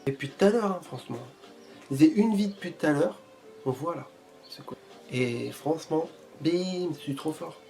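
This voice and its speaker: A man's voice: on the high side, lively intonation, moderate pace, gravelly, darkish tone, soft background music. A man chatting casually in a vlog while learning Portuguese, playful and jokingly boastful, repeating foreign phrases as he tries them out.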